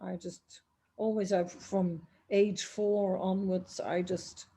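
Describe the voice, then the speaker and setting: Speaking slowly in a level, dark, medium-pitched voice, this middle-aged woman from the Netherlands, who sings and writes, recounts her family history conversationally over a remote interview. She's at home in Dublin near a busy road, drifting, restarting frequently and letting sentences fade.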